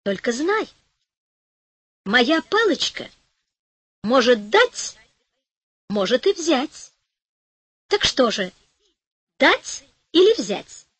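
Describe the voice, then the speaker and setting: A woman's voice: sits high, sing-song, very slow, pauses often, a bit bright, husky, no echo, exaggerated voice. A woman voicing a tiny, playful female fairy in a storybook reading, light and merry. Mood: teasing.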